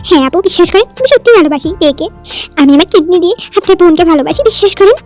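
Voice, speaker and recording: A woman's voice: very high-pitched, expressive, racing, darkish tone, faint music behind. A woman voicing an earnest young man pleading his love in a storybook tale.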